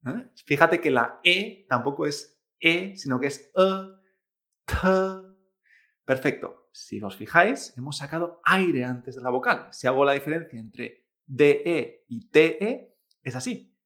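Young male teacher, fairly high voice, slow, patient lesson delivery. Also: expressive, fairly bright tone. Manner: slow, patient, demonstrating sounds. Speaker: Mandarin teacher. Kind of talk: language lesson.

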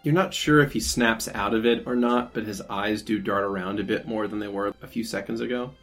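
A man's voice: fairly low pitch, fairly even intonation, brisk, a bit bright. A man narrating a tabletop role-playing game as game master. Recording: music playing behind the voice.

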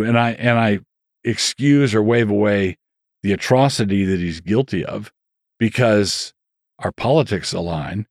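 A man's voice: lowish voice, dry recording, studio quality. A man hosting a podcast, giving wry conversational commentary that trails off and restarts. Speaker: podcast host. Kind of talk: solo commentary.

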